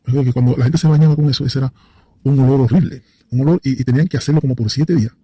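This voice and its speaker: A man's voice: medium pitch, racing, mellow, breathy edge, dry recording. A man telling a personal story in a casual, vivid way, hesitating and searching for words, repeating phrases for effect.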